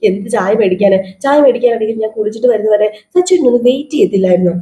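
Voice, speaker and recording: A woman's voice: mid-range voice, animated, rapid-fire, mellow, slight background noise, natural voice. A woman voicing a reproachful young wife who scolds her husband for leaving her alone. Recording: roomy echo.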